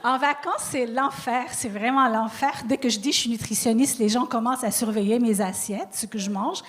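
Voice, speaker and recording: Une femme à l'accent non québécois qui raconte des histoires d'elle-même en stand-up, sur un ton moqueur et rieur. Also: female voice, fairly high pitch, normal speed, slight background noise. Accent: non-Québec French accent. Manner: storytelling, self-mocking, laughing. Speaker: stand-up comedian. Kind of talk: stand-up routine.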